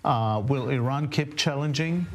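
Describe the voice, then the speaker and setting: A man's voice: medium pitch, a little slow, slight background noise. A man hosting a news panel, asking brief conversational questions. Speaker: news anchor.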